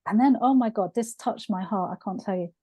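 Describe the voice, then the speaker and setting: A woman's voice: medium pitch, brisk, dark tone, dry recording. A middle-aged woman hosting a podcast interview, telling stories in a heartfelt way. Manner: heartfelt storytelling. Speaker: podcast host. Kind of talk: conversational interview.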